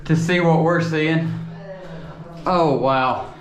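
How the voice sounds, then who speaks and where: A man's voice: on the high side, slow. A man chatting casually as he guides others through a cave. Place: inside a cave. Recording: echoey cave, background chatter. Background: other cavers talking.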